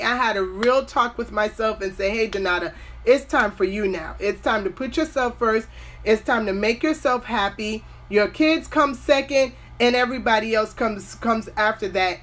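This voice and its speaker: Here a skincare host in her forties speaks straight to the camera in a relaxed way. Her pitch is fairly high and her tone fairly bright, and her advice is sincere and encouraging, with the occasional tangent.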